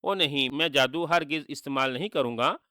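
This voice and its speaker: Storybook villain: cruel, boastful male sorcerer, taunting , read by a man, bright and dry. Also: a little high, normal speed, dry recording. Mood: gloating, mocking. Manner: gloating, taunting with read-out laughter.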